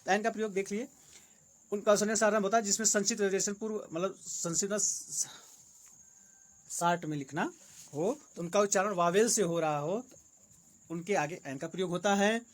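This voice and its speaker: Grammar teacher, male, high voice, Hindi-accented English, repeats rules patiently. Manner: repeats rules and examples slowly, explaining each. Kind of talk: exam-prep grammar lesson.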